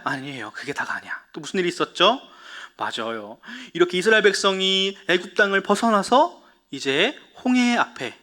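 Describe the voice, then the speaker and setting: A man giving a children's sermon as a Sunday school preacher, telling a story, asking the children questions and answering them himself, and dropping to a hushed whisper at dramatic moments. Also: high voice.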